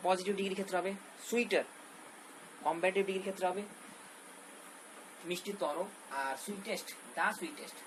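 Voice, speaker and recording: A male teacher giving a grammar lesson, repeating key terms and walking through examples step by step. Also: sits high. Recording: noisy background hiss.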